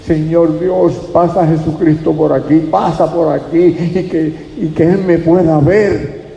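A man's voice: on the high side, fairly even intonation, unhurried, creaky, dark tone, reverberant, long reverb tail, dull audio, pitched above the performer's own voice. A man voicing a blind adult male beggar, pleading and crying out to be heard. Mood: hopeful pleading.

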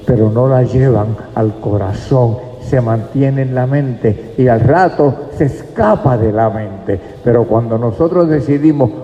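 A man's voice: mid-range voice, a little slow, hardly any pauses, dark tone, soft background music. A man preaching a sermon in a church, emphatic and speaking to the congregation as brothers. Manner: emphatic, addresses listeners as brothers. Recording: echoey hall, dull lo-fi sound.

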